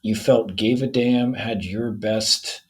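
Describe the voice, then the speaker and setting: A man hosting a podcast, chatting in a relaxed way and telling stories with quotes. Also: on the low side, slow pace, husky. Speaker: podcast host. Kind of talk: casual interview chat.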